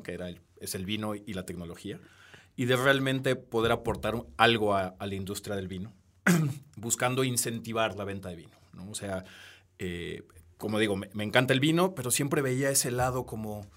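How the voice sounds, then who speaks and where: A middle-aged man from Peru, a podcast guest who explains calmly and often ends with a tag question. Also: lowish voice. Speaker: podcast guest, tech entrepreneur. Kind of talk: casual interview talk.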